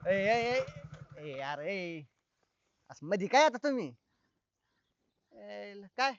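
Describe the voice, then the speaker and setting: An actor playing an impatient man who shouts and demands answers. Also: high-pitched, sing-song, extremely slow, gravelly, full character voice. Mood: irritated. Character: impatient man stopped on the road, irritable. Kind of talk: comic web film acting. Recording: dull, dry film sound.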